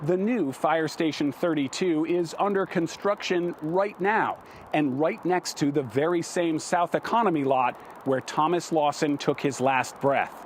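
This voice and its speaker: A man's voice: a little high, a little slow. An American man reporting and interviewing on location for an investigative news exposé. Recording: location sound with clear outdoor traffic noise.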